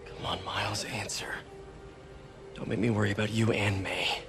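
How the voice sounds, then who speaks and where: A man's voice: lowish voice, level tone, normal speed, music in the background, close to an everyday voice. A young American man playing an earnest, wisecracking superhero in a video game, conversational and self-deprecating. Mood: gentle concern. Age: young adult. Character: earnest, wisecracking 23-year-old male superhero. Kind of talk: naturalistic video game acting.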